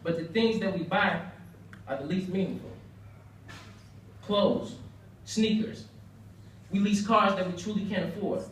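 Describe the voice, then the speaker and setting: A man's voice: high-pitched, a little slow, long pauses, a bit bright. A young American man delivers a prepared persuasive speech in an earnest, emphatic manner, leaning on rhetorical repetition. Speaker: speaker at a banquet. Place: indoor banquet room, heard from far off. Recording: very echoey room, distant mic, faint noise.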